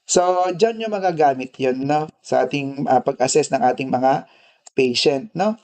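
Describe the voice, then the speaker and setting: A man's voice: medium pitch, unhurried, darkish tone. A man with a Filipino accent teaching a nursing class in a casual lecture, switching between Filipino and English and tagging his phrases with "di ba" and "no". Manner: tags nearly every phrase with "di ba" and "no".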